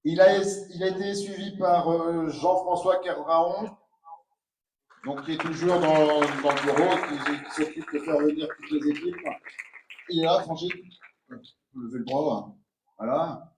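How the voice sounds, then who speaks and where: A man giving a halting welcome speech as co-president of a tournament. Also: a little high. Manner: slow, halting, many fillers. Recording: echoey hall from far off, faint noise.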